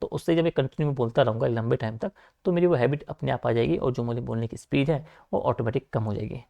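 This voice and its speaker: A young male coaching teacher from Uttarakhand, India, with a gravelly, mellow voice at medium pitch. He talks fast through an online lecture, tossing informal asides to students and repeating fillers like "theek hai" and "aapka."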